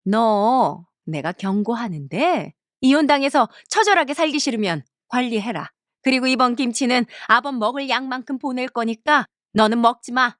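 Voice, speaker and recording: Harsh, berating mother-in-law, read by a woman, lively pitch swings, dry studio sound for a story cartoon. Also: moderate pace, no room sound. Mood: scornful. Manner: contemptuous, berating. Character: harsh scolding middle-aged mother-in-law.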